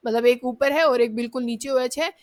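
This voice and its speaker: Speaking a little fast with a fairly high pitch, a woman walks students through exam-prep chemistry one step at a time. She asks them questions and answers her own, addresses them as kids, and checks in with "theek hai".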